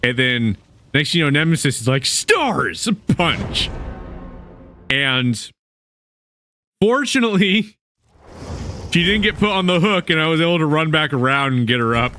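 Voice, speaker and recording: A young man with a bright, forceful voice, talking casually with viewers during a game stream. His pitch sits a little above the usual for a man, and he laughs easily between remarks. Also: lively intonation, moderate pace, long pauses, soft background music. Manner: laughs often, chats with viewers. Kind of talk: casual gaming stream chat.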